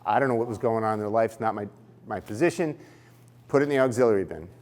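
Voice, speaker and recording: A man's voice: on the low side, fast, darkish tone. A man giving a casual, explanatory training talk for poll workers, with fillers and restarts. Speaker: election trainer.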